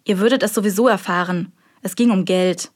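A woman's voice: medium pitch, brisk, lightly acted. A woman reading an audiobook, voicing a defensive merchant in his thirties who speaks in a velvety, haughty manner. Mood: agitated. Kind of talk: audiobook character voice.

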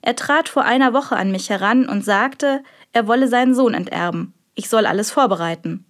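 A woman's voice: on the high side, moderate pace, natural voice. A woman reading an audiobook, voicing a male legal scholar who speaks in a dry, factual way. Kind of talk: audiobook character voice.

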